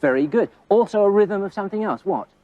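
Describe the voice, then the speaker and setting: Man, tennis coach, on court, counts hits aloud, lively pitch, muffled old recording. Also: fast talker. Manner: coaxing questions with tag questions. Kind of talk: on-court teaching demonstration.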